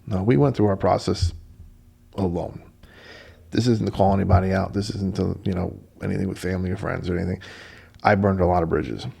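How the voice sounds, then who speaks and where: A middle-aged man hosting a radio show, telling a personal story in a lively way and acting out the dialogue he quotes. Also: brisk. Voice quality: deep gravelly voice. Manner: animated, acts out quoted dialogue.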